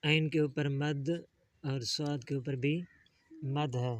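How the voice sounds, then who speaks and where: A patient man leads a one-on-one Quran reading lesson, coaxing his young student along. His voice sits a little high for a man, and he talks slowly. He stretches each letter name out in long, drawn sounds when he models the reading. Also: fairly even intonation, no echo.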